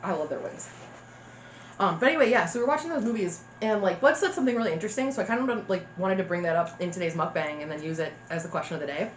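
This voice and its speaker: A chatty young woman hosts a mukbang and talks quickly, giggling and chewing between words. Her voice sits a little low for a woman. The room around her echoes over a faint background hiss. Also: lively intonation. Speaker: mukbang host. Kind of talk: casual chat.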